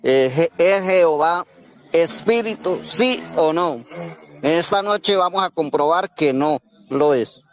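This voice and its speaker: A man's voice: a little high, lively intonation, takes it slowly. A man from Colombia, giving a plain, confident debate introduction. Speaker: debater, missionary. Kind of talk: online debate opening statement.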